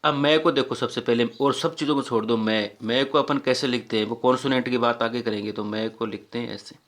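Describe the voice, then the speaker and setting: A man's voice: mid-range voice, steady tone, a little fast, fairly bright tone. A man teaching a casual phonetics lesson, patiently explaining and repeating vowel sounds aloud.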